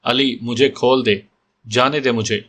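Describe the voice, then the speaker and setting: A captive male bandit , read by a man, makes demands and threats. His voice stays at a middle pitch with no marked flourish. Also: steady tone, fairly bright tone, natural voice. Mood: threatening.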